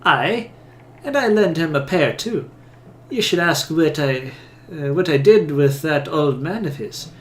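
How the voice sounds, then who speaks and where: A man voicing a fiery awakened soul, a woman, snarling and slow. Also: on the high side, animated. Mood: taunting. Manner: snarling, drawn-out. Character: fiery awakened female soul, Scottish-tinged.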